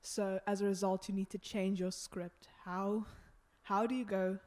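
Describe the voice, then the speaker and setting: A woman's voice: mid-range voice, flat delivery, a little slow, a little mellow. A woman from the audience asking a question, hesitant and searching for her words.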